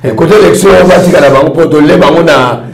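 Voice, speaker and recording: Over a rough, roomy recording, a man from Congo who leads a party responds to an interviewer in a mix of French and Lingala. He talks quickly in a fairly high, gravelly voice, and his answers are rambling and repetitive.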